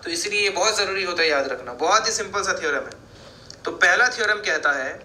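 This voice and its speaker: A man's voice: high-pitched, expressive, a little fast, bright, forceful tone, slight background noise. A male math teacher giving a board lecture, explaining step by step and asking and answering his own questions. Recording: echoey room.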